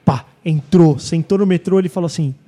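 A man's voice: fairly high pitch, brisk. A man from São co-hosting a casual podcast, telling stories and acting out his son's lines. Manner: animated storyteller, acts out voices of his son. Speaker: podcast co-host.

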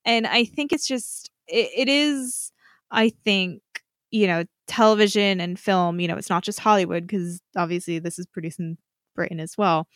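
A woman's voice: fairly low pitch, moderate pace, a bit bright, no room sound. Woman, podcast co-host, thoughtful, hesitant, lots of fillers, dry close sound. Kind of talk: casual chat.

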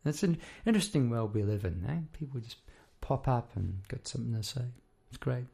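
A man hosts a casual, reflective monologue as a working musician. His voice is croaky and gravelly, with plenty of fry. He speaks in a halting, rambling way, doubling back on his words as he thinks aloud. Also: mid-range voice, lively intonation, mellow. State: croaky voice after poor sleep. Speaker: songwriter and musician hosting a half-hour talk.

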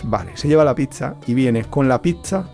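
A man's voice: medium pitch, moderate pace, creaky, soft background music. A man with a Spain Spanish accent co-hosting a travel podcast, telling a story casually and acting out the dialogue. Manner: animated, acts out quoted dialogue.

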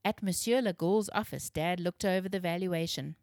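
A woman reads a children's story with clear, measured delivery. Her voice sits on the low side, and the recording is close and completely dry. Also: darkish tone, dry recording.

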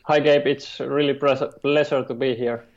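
A man from Finland with a Finnish accent, a game designer speaking as a guest in an interview, halting and hesitant, with many fillers. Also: mid-range voice, flat delivery, dull audio. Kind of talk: remote interview.

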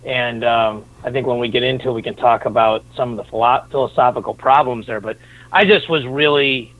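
A man's voice: medium pitch, fairly even intonation, brisk. A man talking over the phone as a wrestling rankings analyst and co-host, easygoing and thinking aloud with restarts in casual sports chat. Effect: heard over the phone. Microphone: phone line. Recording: tinny dry phone line.

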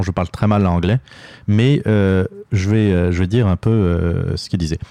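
A man's voice: lowish voice, dark tone, dry recording, studio quality. A man with a Québécois French accent hosting a political commentary show, talking in a hesitant monologue full of fillers and restarts. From Quebec. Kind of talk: opinion monologue.

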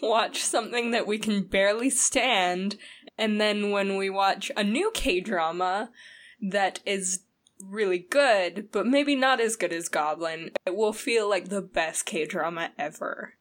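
A woman co-hosting a podcast in casual chat, rambling and animated with lots of fillers. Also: mid-range voice, takes it slowly. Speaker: podcast co-host.

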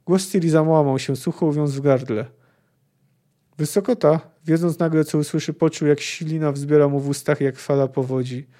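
Man, podcast host, book discussion, hesitant with lots of fillers, mellow slightly high voice. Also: fairly even intonation, normal speed. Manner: hesitant, thinking aloud with many fillers. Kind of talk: book discussion podcast with read-aloud passages.

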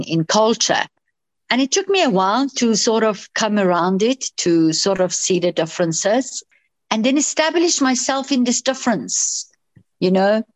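A woman's voice: mid-range voice, dry recording. A middle-aged woman from Iran, a doctor and interview guest, who answers with many fillers and restarts.

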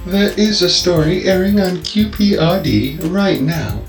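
A man's voice: high-pitched, lively intonation, a little slow, roomy sound, faint music behind, pitched above the performer's own voice, rough recording. A man voicing a courteous, formal male robot butler in a storybook reading. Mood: polite. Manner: courteous, formal, addresses master dutifully. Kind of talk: audiobook character voice.

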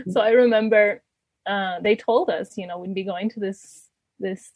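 Her mid-range voice keeps a measured pace, recorded with no echo. Born in Canada and brought up in Ecuador, she tells personal stories casually in the style of an interview guest, giggly and frequently laughing as she talks.

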